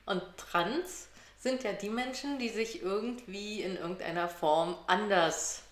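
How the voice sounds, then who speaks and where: Female co-host, mid-pitched, wry and playful explainer in relaxed chat, recorded in a roomy, echoing space. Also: a little slow. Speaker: podcast co-host. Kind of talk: casual humorous chat, explaining terms. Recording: roomy, echoing room sound.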